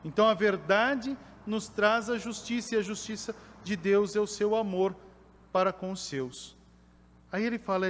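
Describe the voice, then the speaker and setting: A Brazilian man preaching a homily at Mass, measured and often checking in with a rhetorical "né?". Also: sits high. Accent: Brazilian Portuguese. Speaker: priest. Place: church. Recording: long church reverb.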